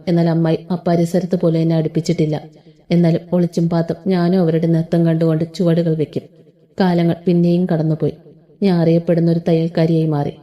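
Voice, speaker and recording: A woman narrating a first-person audio story in a steady, measured way. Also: fairly low pitch, muffled recording.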